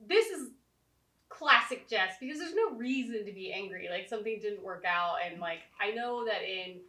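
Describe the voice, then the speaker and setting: Halting woman with a slight lisp. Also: mid-range voice, expressive, sharp tone. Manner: halting, frustrated, many restarts. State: slight lisp from new teeth aligners. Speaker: vlogger, co-host of a sailing channel. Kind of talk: casual chat to camera. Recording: echoey room, distant mic, faint music.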